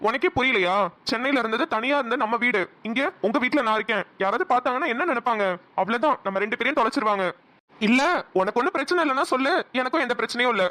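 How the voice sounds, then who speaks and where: Woman doing young cartoon husband, brusque, teasing, scolding, quick, high-pitched. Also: a bit bright, close to an everyday voice. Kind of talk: cartoon voice acting.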